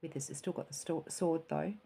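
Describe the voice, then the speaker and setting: Speaking low and briskly with vocal fry and a slightly rough texture, a woman conducts a spiritual tarot and cup reading. Her delivery is soft and musing, sometimes easing into a quiet calm.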